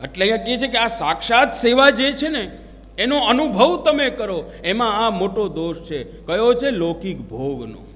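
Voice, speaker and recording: A man's voice: sits high, expressive, normal speed, a bit bright. A man giving a devotional sermon, telling stories and asking rhetorical questions of his listeners. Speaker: religious preacher. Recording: long hall reverb with faint music.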